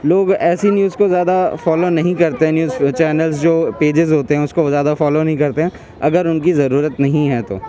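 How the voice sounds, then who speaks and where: In a park, a student in his twenties answers street interview questions, earnest yet hesitant, slipping English into his Hindi. His fairly high voice is mellow and steady in tone, brisk with few pauses.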